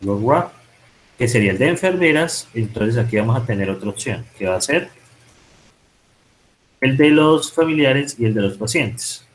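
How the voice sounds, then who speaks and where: Typing code in a screen-recorded lesson, this male instructor talks through his thoughts, fixes his own mistakes, and pauses often. He sounds animated, with a medium pitch and normal speed, on a rough recording.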